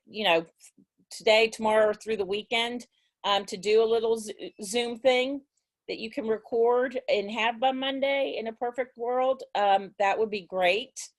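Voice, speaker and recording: A woman teacher talking to her class over a video call in a casual, rambling way, with many restarts. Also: on the high side. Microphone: video call mic.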